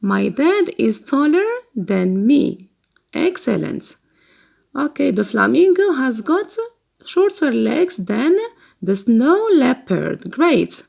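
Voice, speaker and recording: Female teacher for a grammar lesson, slow and patient, lively pitch, a bit gravelly. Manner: slow, patient, repeats words for students to copy. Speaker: English teacher.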